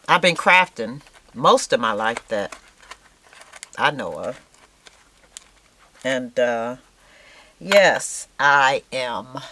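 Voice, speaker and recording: A woman's voice: sits low, sharp tone, a little hiss or hum. A woman in her sixties chatting casually to viewers while she works on a craft project, with lots of fillers and a repeated "yes". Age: 60s. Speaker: craft vlogger. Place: indoors at a cluttered craft table.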